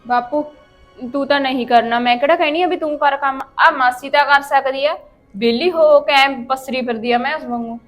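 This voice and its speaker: An actress playing a young married daughter who is blunt and indignant. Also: female voice, high voice, normal speed, faint music behind. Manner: blunt and sharp-tongued.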